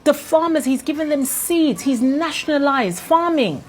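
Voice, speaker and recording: A woman's voice: sits high, expressive, moderate pace, slight background noise, poor audio. A Ghanaian woman vlogging fiery, indignant commentary, firing off rhetorical questions. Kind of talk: impassioned commentary to camera.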